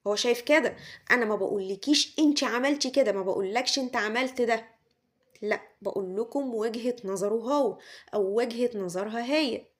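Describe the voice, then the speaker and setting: A woman's voice: on the high side, fairly quick. A woman with an Egyptian Arabic accent gives a tarot reading straight to the listener, repeating her points and acting out what others say. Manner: repetitive, speaks straight to the listener, acts out quoted lines. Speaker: tarot reader. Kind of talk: tarot reading monologue to the viewer.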